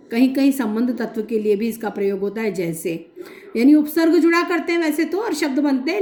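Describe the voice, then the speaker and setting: A woman lecturing on linguistics in a methodical way, explaining with many examples and pausing often. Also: fairly high pitch, dark tone, echoey room. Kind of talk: recorded academic lecture.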